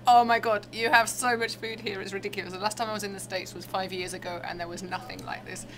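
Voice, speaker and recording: A woman's voice: mid-range voice, fairly even intonation, fast talker, background noise. A woman from the UK, a cafe guest, talking with gushing enthusiasm. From United Kingdom. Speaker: visiting guest. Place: small cafe indoors.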